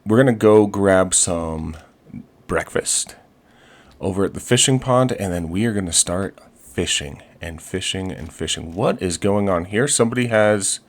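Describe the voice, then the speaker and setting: Over footage of a life-sim game, a man with a low voice chats in a relaxed, cheerful way at a slightly slow pace. He often restarts sentences, leans on fillers, and throws in playful pirate lingo.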